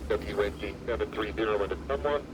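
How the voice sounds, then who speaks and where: A man's voice: on the low side, fast talker. Synthetic male weather-radio voice through a distant speaker. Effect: weather radio broadcast played through a speaker. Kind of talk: automated emergency test announcement. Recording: distant speaker with loud background noise.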